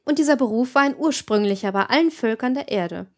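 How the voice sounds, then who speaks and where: A woman's voice: fairly high pitch, animated, fairly quick. A woman doing a scornful, hard-hearted gang matron. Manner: scornful and lecturing. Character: cynical hard-hearted older female gang leader.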